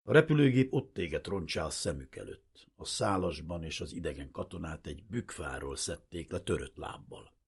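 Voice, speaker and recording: A man narrating a literary audiobook in a measured, expressive storytelling manner. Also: low voice, vocal fry, slightly rough.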